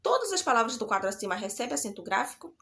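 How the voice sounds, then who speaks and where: A woman's voice: a little high, big pitch swings, racing, a bit bright. A woman teacher, giving a recorded lesson and patiently checking in with her students. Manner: patient, checks in often with the class.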